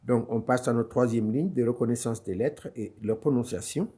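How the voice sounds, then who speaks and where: A man's voice: medium pitch, normal speed, husky. A man teaching an online lesson, patient and encouraging, repeating each sound several times for his students. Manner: encouraging, gently reassuring. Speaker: Quran recitation teacher. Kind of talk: slow step-by-step online lesson.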